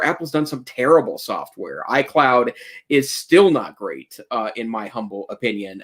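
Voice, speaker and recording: A man co-hosting an education technology podcast, giving earnest, opinionated advice in casual talk with frequent restarts. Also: medium pitch. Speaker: podcast co-host. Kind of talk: casual tech chat.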